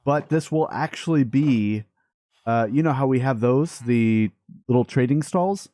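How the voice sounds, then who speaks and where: Warm and medium-pitched, a man's unhurried voice comes through with no echo as he plays through a game. He talks to viewers and in-game characters alike in a playful, casual, upbeat way.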